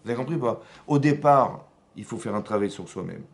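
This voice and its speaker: In a synagogue, a French-accented rabbi delivers a spirited Torah lesson, frequently questioning his listeners. He speaks briskly with a creaky voice, and his pitch and volume climb whenever he stresses a point.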